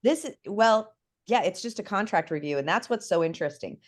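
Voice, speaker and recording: A woman's voice: mid-range voice, brisk. A woman talking casually as a guest expert, explaining things in a chatty way and often checking in with "right?". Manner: lively, chatty, lots of "right?" and fillers. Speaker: guest expert on NFT projects.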